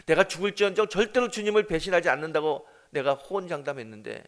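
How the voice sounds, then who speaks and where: A man's voice: a little high, brisk, lightly acted. A man preaching in the voice of an ashamed, grieving fisherman disciple who reproaches himself in a sobbing lament. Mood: anguished.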